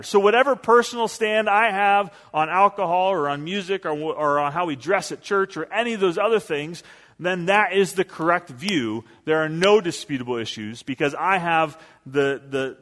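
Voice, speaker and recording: Baptist pastor preaching in a reverberant hall. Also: male voice, a little high, a bit bright. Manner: conversational storytelling with quoted asides. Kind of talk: sermon.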